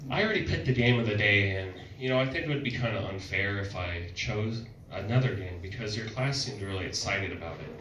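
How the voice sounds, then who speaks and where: A young man on a comedy club stage, telling loud and playful stories with sudden vocal outbursts. He sounds distant in an echoey room. Audience noise carries clearly behind him. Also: lowish voice, lively intonation, a little fast, hardly any pauses. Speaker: stand-up comedian. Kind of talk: stand-up comedy set. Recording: echoey club, mic heard from a distance, noisy crowd.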